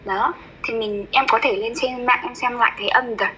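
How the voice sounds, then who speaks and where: A woman coaching a student's English pronunciation. She is patient and coaxing, and she says words slowly and repeats them. Her voice is bright and fairly high, with a faint hiss behind it. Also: steady tone, rough recording. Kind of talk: one-on-one online tutoring.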